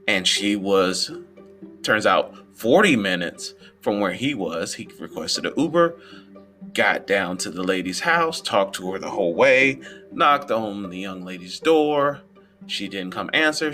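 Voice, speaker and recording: Male podcast storyteller, lively delivery, bright tone, faint music bed. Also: medium pitch. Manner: animated, acts out quotes.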